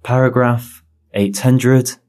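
A dictation reader delivers a language exercise in a deliberate, measured way, phrase by phrase with repeats. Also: medium pitch, steady tone, a little mellow.

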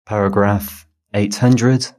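A man's voice: lowish voice, fairly even intonation, slow pace, a little mellow. A man reading a dictation aloud, repeating each phrase and saying the punctuation. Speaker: dictation reader. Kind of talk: slow dictation read aloud.

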